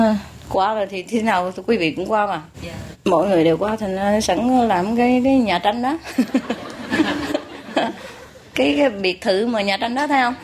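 A woman's voice: mid-range voice, a little hiss or hum. A woman with a Southern Vietnamese accent giving an informal, joking teaching talk to her followers, often tagging her points with questions. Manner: chatty, joking, full of rhetorical tag questions. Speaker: spiritual teacher. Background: audience laughter.

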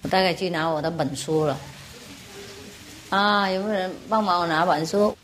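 A woman's voice: fairly low pitch, normal speed, a little hiss or hum. A woman teaching an audience, telling jokes in a playful, rambling way and often laughing between lines. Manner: rambling, forgetful asides. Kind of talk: joke-telling talk to an audience.

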